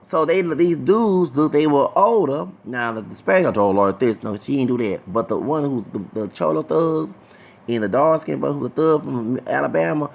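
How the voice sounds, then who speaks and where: A man's voice: medium pitch, animated, moderate pace, creaky, a little mellow. A man, talking to his viewers in a loose, digressive vlog commentary that often repeats itself. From Texas, USA. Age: 30s. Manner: digressive, repeats himself, talks to viewers directly. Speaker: vlogger. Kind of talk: casual rambling commentary.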